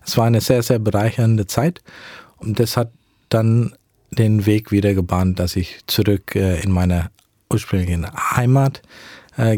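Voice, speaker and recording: A young man, a mission worker and native English speaker, answers interview questions about mission work with careful, hesitant speech. He sounds earnest and measured, pausing often, in a lowish, mellow voice. The recording is dry and studio-clean.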